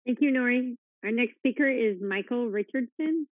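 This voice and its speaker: A woman chairing a board meeting, briskly and politely calling the next speakers, heard over a tinny phone-like line. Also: on the high side, dry recording. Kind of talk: procedural announcements.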